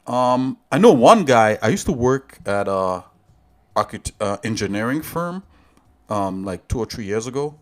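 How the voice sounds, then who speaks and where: A man's voice: mid-range voice, very animated, measured pace. Guy rambling thru a live tutorial, chatty, talks right to chat. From Trinidad and Tobago. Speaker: livestream host. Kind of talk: casual livestream tutorial.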